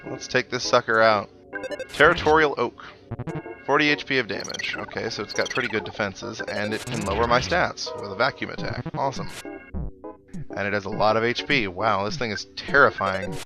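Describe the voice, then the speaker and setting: Over video game music, a playthrough host with a lowish voice comments casually at a moderate pace. His tone is wry and sarcastic, with mock exasperation.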